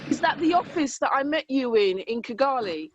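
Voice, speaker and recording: A woman's voice: sits high, expressive, a little fast, slight background noise. A woman co-hosting a casual video-call chat, effusive and chatty. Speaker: co-host. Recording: dull, dry video-call audio.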